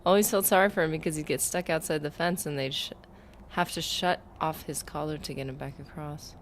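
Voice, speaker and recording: Chatty woman streamer, lowish voice. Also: fairly even intonation, fairly quick, a little hiss or hum. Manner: chatty and rambling, reads viewer comments aloud. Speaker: gaming livestreamer. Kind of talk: casual livestream chat while gaming.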